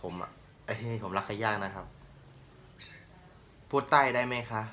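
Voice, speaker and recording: A young man from Thailand with a slight northern Thai accent, a channel host casually answering viewers' questions in a relaxed, joking way. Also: lowish voice, a little slow, slight background noise. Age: young adult. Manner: relaxed, joking, laid-back. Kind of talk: casual Q&A chat.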